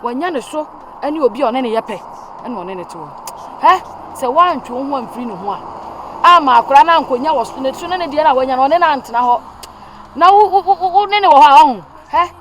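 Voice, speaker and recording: Against a noisy background, a woman with a high, expressive voice speaks rapidly. Acting in a Twi family drama, she plays a stern older mother who lectures her child at length, repeating herself for emphasis, before pleading with the child.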